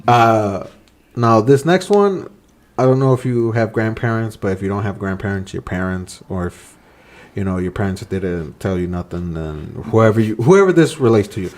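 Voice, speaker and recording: A man's voice: fairly low pitch, expressive, moderate pace, darkish tone. A man hosting a podcast, loose and chatty, wrapping up a casual conversation. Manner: loose and chatty, says bro and dude. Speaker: podcast host. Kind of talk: casual chat.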